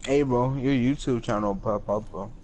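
A man with a medium-pitched voice talks in casual, bro-heavy slang during an online game. The party chat recording is clearly noisy. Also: normal speed, darkish tone. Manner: slangy, says bro constantly. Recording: noisy gaming headset chat.

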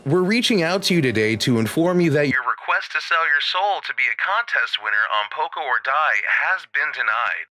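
A man plays a tired call-center agent for a soul-buying company, leaving a voicemail in the polished, courteous phone manner of a comedy sketch. His pitch sits at a middling height and moves around a lot. The message comes out as a smooth, well-practised script. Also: sharp tone, poor audio.

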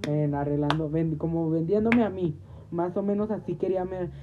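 A woman's voice: lowish voice, flat delivery, normal speed. A woman, hosting a livestream and telling a long story to her viewers, repeating and restarting her phrases. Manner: repetitive, restarts phrases, quotes herself often. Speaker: livestream host. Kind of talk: casual rambling storytelling to viewers. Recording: noisy tinny phone audio.

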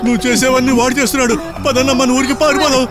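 A man's voice: very high-pitched, little pitch movement, racing, over loud music. An actor playing a timid henchman who anxiously coaxes his boss, in dubbed comedy film dialogue. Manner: anxious, coaxing.

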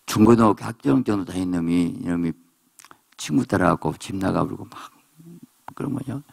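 Gravelly animated pastor preaching. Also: male voice, fairly quick. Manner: animated preaching, voices characters in quotes, jumps to high exclamations. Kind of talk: sermon. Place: prayer retreat hall.

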